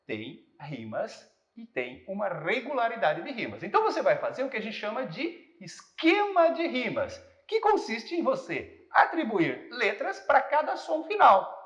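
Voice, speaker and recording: Male teacher, guides through an exam-prep lesson with animated intonation. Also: very high-pitched, reverberant, lo-fi sound. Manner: explanatory, guides step by step.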